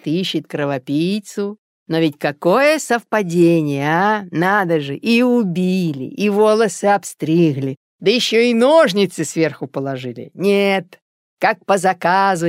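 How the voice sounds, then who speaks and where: A woman's voice: fairly low pitch, lively intonation, unhurried, dry recording, studio quality, pitched above the performer's own voice. A woman reading an audiobook, voicing a sly, purring older male boss with a folksy drawl.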